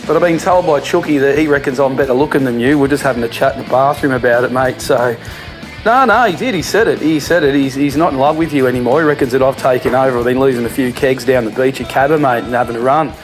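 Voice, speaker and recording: An Australian man hosts a comic cooking show from his home kitchen, talking in a relaxed, slangy way with lots of fillers. His voice sits at an ordinary middle pitch. Faint music and the clatter of dishes play behind him. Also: fast talker, hardly any pauses. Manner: laid-back and slangy, with many fillers.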